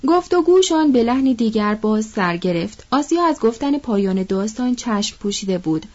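A woman reading a novel aloud in measured, literary narration. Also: fairly high pitch, expressive, a little mellow, highs cut off. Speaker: audiobook narrator.

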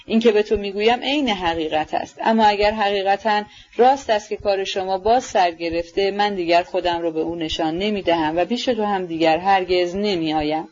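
A woman voicing a gentle, sincere young prince who speaks earnestly and openly, in a dull lo-fi recording. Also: mid-range voice, slight background noise, close to an everyday voice.

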